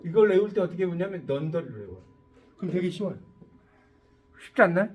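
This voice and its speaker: A man's voice: high voice, sing-song, fast. A middle-aged man giving a classroom-style English vocabulary lecture, asking rhetorical questions and repeating key words. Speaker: English teacher.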